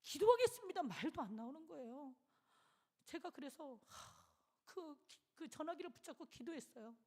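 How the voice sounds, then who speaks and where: A woman's voice: high-pitched, moderate pace. A middle-aged woman pastor giving a sermon in a church, telling a personal story with emotion and acting out what others said. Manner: animated, emotional storytelling, acts out quoted voices. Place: church sanctuary.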